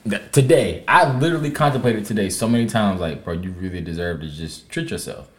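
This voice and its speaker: A podcast co-host with a fairly low, expressive voice speaks earnestly and reflectively during casual banter, drawing out his phrasing.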